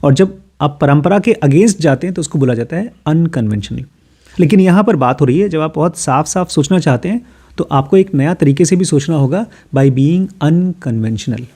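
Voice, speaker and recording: A man's voice: on the high side, expressive, moderate pace, mellow, husky. A man from Uttar Pradesh explains a self-help book in a casual way. He reads English passages aloud, then talks them through with everyday personal examples. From Uttar Pradesh, India. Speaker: course teacher.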